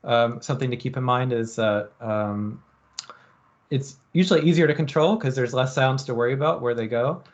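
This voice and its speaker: A man lecturing at a university, explaining experiment design in a relaxed way and thinking aloud with frequent ums. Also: medium pitch, normal speed, highs cut off.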